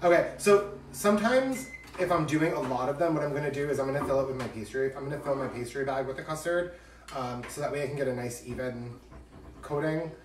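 A cooking show host runs a relaxed live demo in his home kitchen, talking a little fast at medium pitch and cracking jokes with campy asides. The camera sits a few steps off, so the sound is distant and echoey, full of kitchen noise and dish clatter.

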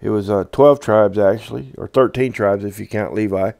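A man with a low-pitched voice gives a Bible lesson, reading passages and explaining them in a loose, conversational way full of restarts. The recording is dry and close, with no room sound. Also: creaky, darkish tone, no room sound. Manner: conversational, halting, many fillers and restarts while explaining. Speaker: Bible teacher. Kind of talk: Bible teaching with scripture reading.

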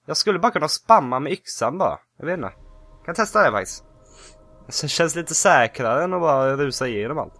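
Excitable man commentating a game. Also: on the high side, no echo. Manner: excitable, yelps and shouts in panic. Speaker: let's play host. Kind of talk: casual gameplay commentary.

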